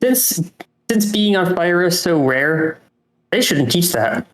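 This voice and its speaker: A man co-hosting a podcast, chatting casually in a hesitant, halting way. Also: sits high, animated, a bit bright. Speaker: podcast co-host. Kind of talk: casual chat. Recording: echoey room sound.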